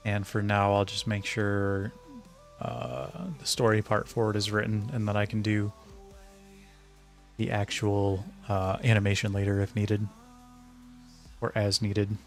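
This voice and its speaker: This man's fairly low voice is monotone and a little slow, with frequent pauses. During a casual live stream he works on his indie game and thinks aloud hesitantly to himself, background music playing throughout.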